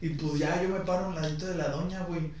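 A young man with a Mexican accent telling a story on a casual podcast, full of crude slang and lively retelling. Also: on the high side, fast talker. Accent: Mexican Spanish. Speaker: podcast host. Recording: echoey room, far from mic, faint noise.

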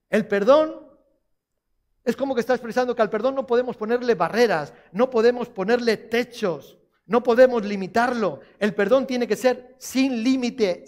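A man's voice: very high-pitched, measured pace. A man preaching a sermon, repeating key phrases for emphasis and putting questions to the congregation.

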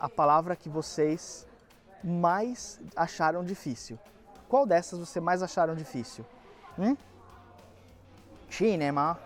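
Slow, lively-voiced Brazilian language teacher. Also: male voice, on the high side. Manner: drills words, repeats slowly, checks in with "mm?". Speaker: Italian teacher. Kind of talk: live walking lesson. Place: walking outdoors in a historic city centre.

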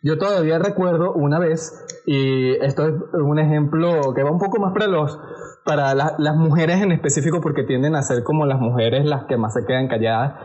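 Animated Venezuelan man, fairly high voice. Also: fairly quick, lo-fi sound. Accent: Venezuelan Spanish. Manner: animated storyteller who acts out other people's voices. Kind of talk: casual chat.

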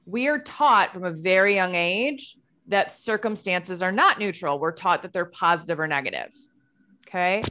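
Woman coach explaining, lowish voice. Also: normal speed, pushed and bright. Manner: explanatory, frequent "okay?" and "right?" check-ins. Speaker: podcast host and life coach. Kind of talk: casual podcast monologue.

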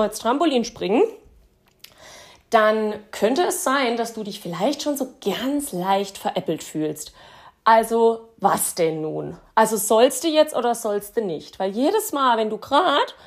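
A woman teaching about horse training in a chatty lesson, talking straight to the listener with plenty of fillers. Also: fairly high pitch. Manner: chatty, addresses listener directly as "du", many fillers. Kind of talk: spoken lesson with thought experiments.

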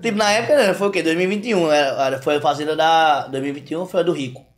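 A young Brazilian man, a guest, telling a story in slangy, animated casual chat on a podcast. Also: on the high side, rapid-fire.

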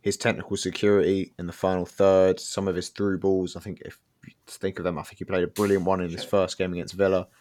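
A man's voice: sits low, little pitch movement, fast talker, a little mellow. A man co-hosting a podcast, blunt and joking, breaking down play in detail. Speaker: podcast co-host. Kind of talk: casual podcast chat.

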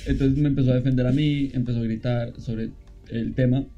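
A man's voice: a little fast, lo-fi sound, soft background music. A man co-hosting a podcast, chatting casually and laughing often as he tells a story. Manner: storytelling, laughs often, rising pitch when excited. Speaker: podcast co-host. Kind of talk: casual chat.

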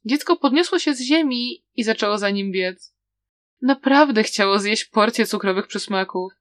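A woman narrating a storybook with a steady, softly dramatic reading. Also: fairly high pitch, moderate pace, no room sound, clean studio sound. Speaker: audiobook reader.

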